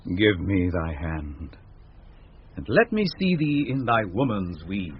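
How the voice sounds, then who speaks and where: Slow, stately, lovestruck nobleman. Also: sits low, huge pitch swings, breathy edge, heavily acted. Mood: tender, stately. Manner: stately, deliberate. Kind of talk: 1970s British radio Shakespeare acting. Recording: muffled old radio broadcast recording.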